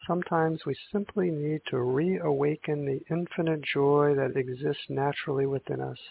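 A man leading a guided meditation in a slow, soothing sleep story narrator manner, with long pauses between gentle instructions. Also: a little high, steady tone, creaky, slightly rough. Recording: muffled, phone-like narrow sound.

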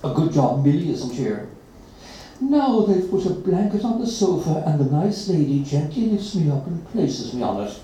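A reader at an open mic, reading a children's story aloud in an expressive, dramatic way. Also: mid-range voice, moderate pace, a little hiss or hum. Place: live reading event. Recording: echoey room from far off.

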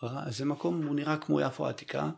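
A man's voice: fairly high pitch, gravelly. A man in his thirties telling stories in a casual chat and acting out what people said. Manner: animated storyteller, acts out quotes. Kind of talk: casual storytelling.

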